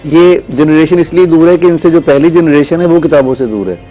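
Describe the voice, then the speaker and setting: A man, a guest poet talking in an unhurried, reflective way on a morning show, with soft hesitations. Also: a little high. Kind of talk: conversational interview. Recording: dull, slightly muffled TV broadcast audio with faint music.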